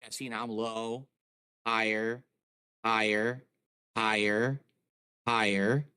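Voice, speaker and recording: A man's voice: on the low side, level tone, slow, bright, forceful tone, clear, resonant tone. A man chatting casually while testing a microphone, his volume jumping up and down as the gain settings change, muttering and puzzled as he clicks through settings. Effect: mic volume jumping up and down as gain settings change. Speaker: streamer testing a new microphone. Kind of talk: casual thinking-aloud chat.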